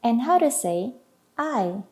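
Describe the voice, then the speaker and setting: A woman with a Brazilian accent teaching a language lesson, repeating each word slowly and carefully for learners. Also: on the high side, animated, echoey room. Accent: Brazilian Portuguese. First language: Portuguese. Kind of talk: slow, clear language lesson.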